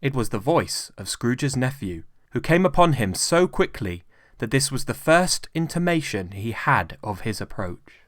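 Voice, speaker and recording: A man's voice: medium pitch, sing-song, measured pace, no echo, studio quality. A man with a British accent giving a theatrical, carefully phrased dramatic narration of classic fiction. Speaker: narrator, actor.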